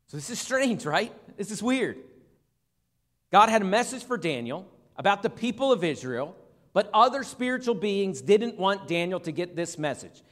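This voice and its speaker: High-voiced male pastor in a reverberant hall. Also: fairly bright tone. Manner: conversational, with humorous asides to the congregation. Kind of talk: sermon, Bible teaching. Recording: long reverb of a large hall.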